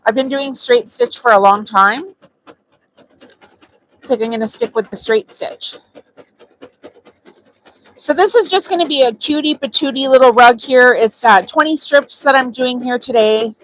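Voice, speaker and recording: A woman's voice: on the high side, a bit bright, slight background noise, low-quality recording. A woman hosting a live sewing tutorial, talking casually and chattily with frequent ums as she works. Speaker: sewing channel host.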